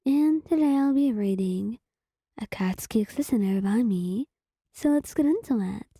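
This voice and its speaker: Soft-spoken woman, whispered role-play narration. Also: on the high side, animated, normal speed, breathy edge, dry recording, clean studio sound. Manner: soft, half-whispered storytelling. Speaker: fan-fiction reader.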